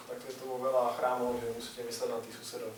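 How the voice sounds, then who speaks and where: A man interpreting a lecture live for an audience in a large hall, quick and matter-of-fact. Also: mid-range voice, level tone, a little hiss or hum. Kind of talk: live consecutive translation. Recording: echoey hall from far off.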